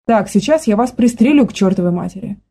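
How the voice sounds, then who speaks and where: A woman voicing a spiteful old grandmother who barks and scolds in a hoarse, smoky voice. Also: mid-range voice, expressive, fast, mellow. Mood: threatening. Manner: barking, scolding.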